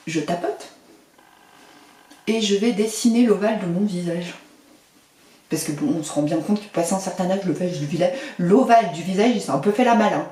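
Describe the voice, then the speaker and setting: A chatty woman walks viewers through her makeup routine in a relaxed, playful way, dropping sing-song little asides as she works. Her voice sits at a middle pitch. It sounds a bit distant from the mic, in a roomy, echoing space. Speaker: beauty vlogger. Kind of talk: casual makeup tutorial chat. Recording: echoey room, mic set back.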